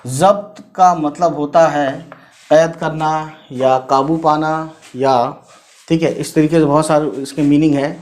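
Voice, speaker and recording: A man teaching as a language tutor, talking casually, slowly sounding out letters and often adding little tag questions to check on his students. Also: fairly high pitch, fairly even intonation, darkish tone. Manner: slow, repeats letters and sounds out spellings; frequent "theek hai" and "hai na" tags.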